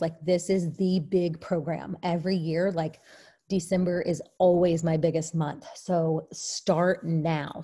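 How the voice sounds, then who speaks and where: A woman's voice: deep voice, warm tone. A woman leading a casual online training call for her team, chatty and upbeat with many fillers, a bit out of breath. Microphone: video call.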